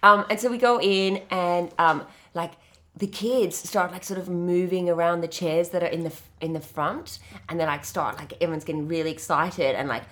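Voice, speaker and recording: A woman in her thirties with a somewhat low voice tells a story on a casual podcast. She talks in a chatty, rambling way, full of fillers and quick agreement. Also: fairly even intonation, fairly bright tone. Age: 30s. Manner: chatty, lots of fillers and "yeah, yeah". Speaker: podcast co-host.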